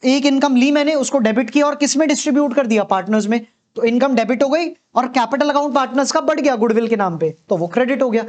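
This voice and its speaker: Talking fast in a very high-pitched, slightly mellow voice, a man lectures on accountancy. He answers his own questions the way students would and sprinkles in a reassuring "okay" to make sure the class is following.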